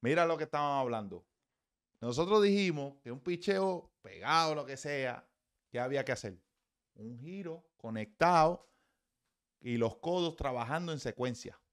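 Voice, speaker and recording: A man's voice: medium pitch, animated, normal speed, clean tone. A man, a baseball hitting coach, giving blunt, profane, emphatic swing-analysis commentary.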